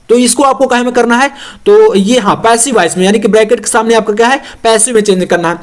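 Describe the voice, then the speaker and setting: High-voiced man teaching English grammar. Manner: slow and repetitive, spells words letter by letter. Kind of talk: explaining grammar to exam students.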